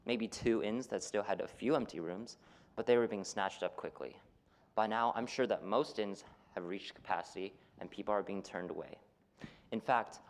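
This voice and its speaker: A man's voice: on the low side, lightly acted. A man playing an observant field reporter in a nativity play, giving a matter-of-fact, descriptive breaking news report. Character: observant male field reporter in ancient Bethlehem.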